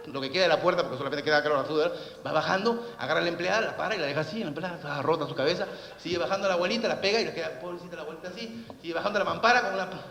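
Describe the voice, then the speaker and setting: A man's voice: on the high side, racing, creaky, few pauses, fairly bright tone, slight background noise. A man giving a law lecture, telling stories with sound effects and many rhetorical questions. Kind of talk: lively lecture with anecdotes. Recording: echoey hall recording.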